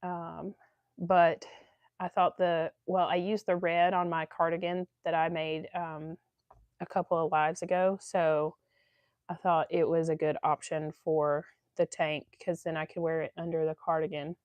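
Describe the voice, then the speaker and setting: This sewing channel host has a low, level voice and speaks a little slowly; the audio is dull but echo-free. Congested from allergies, she rambles through her casual livestream with plenty of ums.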